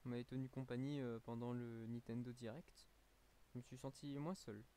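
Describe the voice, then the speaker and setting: Tired French streamer chatting casually. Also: male voice, medium pitch, fairly even intonation, moderate pace, dark tone, slight background noise. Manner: rambling, many fillers and restarts. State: a little tired. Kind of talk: casual live-stream chat.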